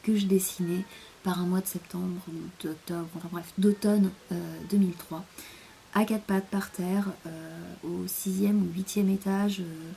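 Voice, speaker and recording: A woman's voice: lowish voice, steady tone, unhurried, vocal fry, warm tone, slight background noise. A young French woman chatting in a casual rambling monologue, hesitant, with many fillers, often sinking to a near-whisper. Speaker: vlogger.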